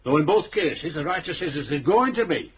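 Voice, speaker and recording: A man's voice: on the high side, expressive, moderate pace, muffled recording, a little hiss or hum, close to an everyday voice. A man as blunt, gossipy Sergeant Malley. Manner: blunt, earthy and talkative. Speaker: police sergeant. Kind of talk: radio crime drama acting.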